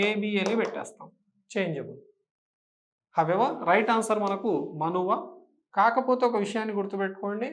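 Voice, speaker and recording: A man with a Telugu accent teaching English for an exam, explaining patiently and often checking that students follow. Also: high-pitched. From Telangana, India. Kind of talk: exam-prep lesson.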